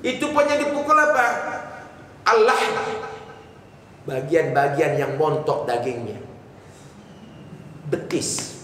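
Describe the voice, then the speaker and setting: A man's voice: on the high side, animated, slow pace, pauses often, a bit bright. A man preaching a humorous sermon, joking and asking the congregation questions in a mosque hall. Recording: echoey hall from far off, faint noise.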